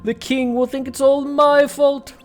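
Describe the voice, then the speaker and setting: A woman's voice: high voice, level tone, unhurried, soft background music, pitched above the performer's own voice. A woman voicing an anxious male crab court musician in a game, attempting an island accent. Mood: panicked.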